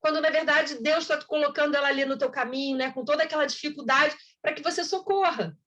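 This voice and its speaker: High-voiced woman giving a lecture. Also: fast, a bit bright. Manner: conversational, laughs at herself, acts out dialogues. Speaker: Spiritist lecturer. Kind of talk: spoken lecture.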